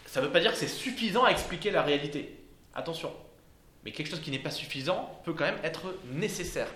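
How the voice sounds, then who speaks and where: A man's voice: a little high, expressive, fairly quick, sharp tone, slight background noise. A man giving an informal lecture to a live audience indoors, hesitant, with many fillers and restarts. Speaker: speaker giving a talk. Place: indoor room with listeners. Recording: echoey room, faint ambience.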